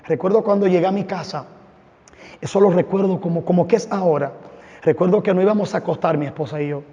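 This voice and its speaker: A man's voice: high-pitched, quick pace, mellow. A man giving a fervent, dramatic testimony from a church stage. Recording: echoey hall, dull lo-fi sound.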